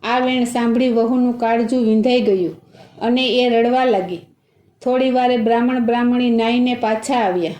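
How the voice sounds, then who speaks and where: A woman tells a devotional folk tale in a fairly high, flat voice with a mellow, dark tone. She reads the characters' lines within the narration, and the recording has a roomy echo. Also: moderate pace. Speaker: storyteller.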